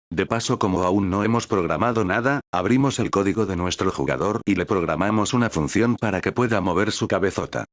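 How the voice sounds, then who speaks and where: Low-voiced man narrating a comedic devlog. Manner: tongue-in-cheek, casual slang. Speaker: video narrator, game developer.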